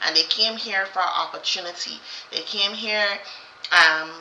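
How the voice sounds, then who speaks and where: In this casual chat, a female co-host goes on at length, circling back over the same points and filling the gaps with fillers and restarts. She speaks in a lowish, pushed, bright voice at a measured pace. The sound is roomy and a bit dull, with a little background noise.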